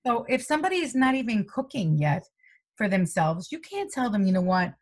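A middle-aged American health coach is interviewed over a webcam video call from a small room in her home. She rambles in a lively way with many "you know" fillers and frequent laughs. Her voice is mid-range and a little fast.

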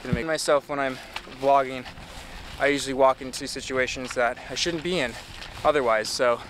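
A man's voice: mid-range voice, fairly even intonation, brisk, low-quality recording. A man in his twenties talking casually and ramblingly to camera outdoors on an exposed, windy shore, easily distracted and self-deprecating. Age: 20s. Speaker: photography vlogger. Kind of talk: casual outdoor vlog talk. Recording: loud wind noise on microphone.

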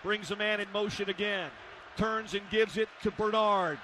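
A man calling a college football game play-by-play, with clipped calls that build into shouted touchdown calls. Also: sits high, steady tone, moderate pace. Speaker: play-by-play announcer. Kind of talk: radio play-by-play commentary. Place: football stadium broadcast booth. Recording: loud stadium crowd and noise behind.

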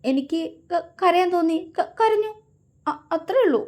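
A woman's voice: fairly high pitch, fast, close to an everyday voice. A woman voicing a tearful young wife in a romance story, stammering and sulking as she holds back tears. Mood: sobbing. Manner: stammering, sobbing, sulky.

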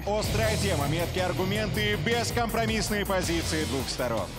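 A man announcing a talk show in a scripted voice-over, slow and emphatic. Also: high-pitched, expressive. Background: loud music.

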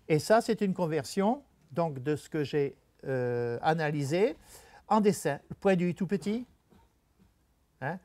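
A man's voice: a little high, a little mellow, dry recording. A man giving a talk on typography to an audience, explaining step by step and checking in with his listeners. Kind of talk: presentation to an audience. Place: venue talk before an audience.

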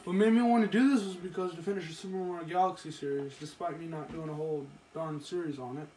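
Brief: high-pitched male gamer, rambling self-talk commentary, excitable bursts, game music underneath. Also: quick pace, low-quality recording. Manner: chatty, talks to himself while playing, excitable outbursts. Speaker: gameplay commentator. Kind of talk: casual let's-play commentary. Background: video game music.

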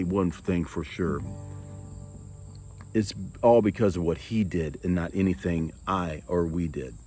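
A man giving an earnest, reflective sermon-style talk as preacher and songwriter, often repeating words as he goes. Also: low voice. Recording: music bed playing behind the voice.

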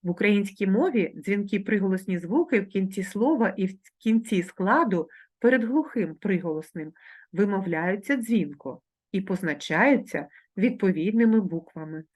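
A woman with a Ukrainian accent, a primary school teacher giving a recorded online lesson, dictating words slowly and clearly. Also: mid-range voice, expressive, darkish tone. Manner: slow, carefully articulated dictation of words.

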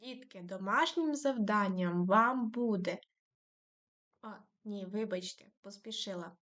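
A woman's voice: mid-range voice, a little slow, fairly bright tone. A woman teaching a primary school lesson to young children, dictating patiently and praising them often.

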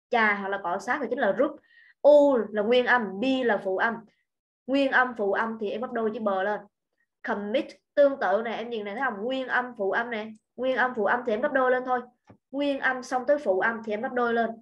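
A woman's voice: a little high, fairly bright tone. Patient female English teacher, dull audio. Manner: patient, repeats points and checks understanding. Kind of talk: online English grammar lesson.

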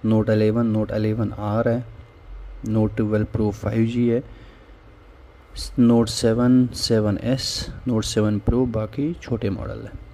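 A man with a low, mellow voice explains a tool slowly in a level tone. It's a casual screen-recorded software walkthrough with voice-over by a phone repair tutorial host, who informally keeps saying "theek hai" as filler.

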